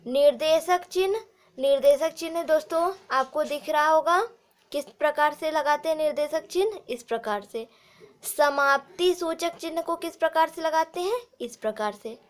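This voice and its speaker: A woman with an Indian accent teaching grammar, explaining slowly and repeating points while addressing viewers as friends. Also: high voice. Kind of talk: explanatory lesson.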